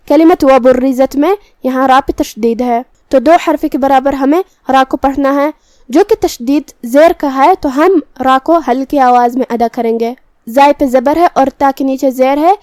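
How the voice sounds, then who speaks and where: A woman's voice: sits high, a little mellow, no echo. A woman teaching a Quran recitation lesson, patiently explaining each pronunciation rule step by step.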